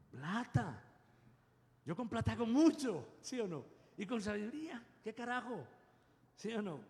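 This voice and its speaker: Animated preacher with a high, swooping voice. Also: male voice. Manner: animated, keeps asking the congregation "yes or no?". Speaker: pastor. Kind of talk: sermon. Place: church. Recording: long church reverb.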